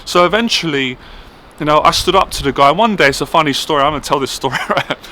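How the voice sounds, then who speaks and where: A man's voice: on the high side, quick pace, sharp tone, a little hiss or hum. A man telling a personal story in a chatty, casual way, often checking in with "right?". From Ireland. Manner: chatty, keeps asking "right?". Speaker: vlogger sharing a personal story.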